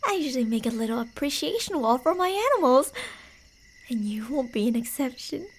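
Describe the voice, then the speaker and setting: In a heavily acted ASMR roleplay, a woman with a high voice plays a delusional yandere killer, brisk and very animated as she teases in sing-song tones and lapses into breathy whispers. She radiates playful menace and delighted obsession.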